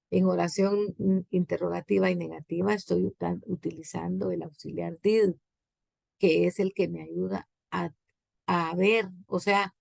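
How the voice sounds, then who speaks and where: Slow gravelly Guatemalan woman teaching. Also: fairly low pitch, a little mellow, dry recording. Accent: Guatemalan Spanish. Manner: slow, repeats example words with translations. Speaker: English teacher. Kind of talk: classroom grammar lesson.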